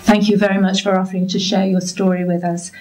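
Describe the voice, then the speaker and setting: A woman's voice: medium pitch, little pitch movement, fast talker, darkish tone, rough recording. A woman interviewing for an oral history project, asking polite, formal questions.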